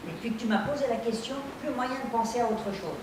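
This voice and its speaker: An actress playing a dry, precise woman who speaks with deadpan, formal wit. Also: fairly high pitch, fast talker, natural voice. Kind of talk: stage comedy scene. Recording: distant mic in an echoey theatre, audience noise.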